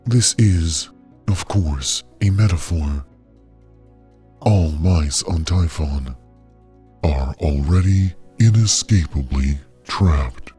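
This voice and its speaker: An actor playing a calm, coldly polite AI caretaker, a gentle care robot that speaks in a soothing, measured, clinical way. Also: male voice, extremely low pitch, slightly rough, soft background music, heavily acted. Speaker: AI overseer of a medical trial. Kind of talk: audio drama narration.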